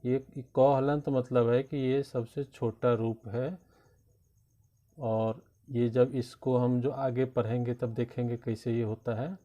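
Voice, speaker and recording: A man teaches a grammar lesson to children at a very slow, patient pace, sounding out each letter one by one. His voice is mellow and relaxed. The recording is dull and lo-fi. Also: medium pitch. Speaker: Hindi teacher. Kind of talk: classroom lesson explaining grammar.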